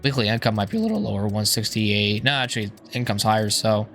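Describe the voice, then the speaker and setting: A man with a hoarse, strained voice giving casual, rambling gameplay commentary, thinking aloud in an informal way. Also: fairly low pitch, fast talker, fairly bright tone, faint music behind. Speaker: gaming YouTuber.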